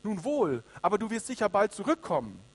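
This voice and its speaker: A man's voice: high-pitched, big pitch swings, fairly quick, heavily acted. A man voicing a sly court jester who tells hard truths with probing questions. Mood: teasing.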